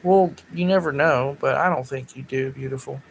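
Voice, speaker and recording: A man's voice: mid-range voice, moderate pace, slight background noise, rough recording. A man chatting casually on his livestream, rambling through stories and snapping back at trolls in the chat.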